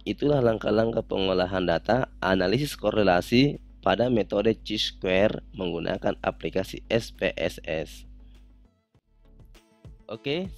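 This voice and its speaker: Low-voiced man explaining software steps. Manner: calm, methodical step-by-step explanation. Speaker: software tutorial instructor. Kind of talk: screen-recorded software tutorial.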